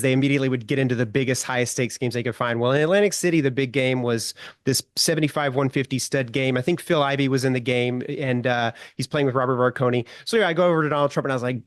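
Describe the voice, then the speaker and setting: A middle-aged man, a guest writer, telling an anecdote in a casual, animated way, chuckling often and using many fillers. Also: mid-range voice, dry recording, studio quality.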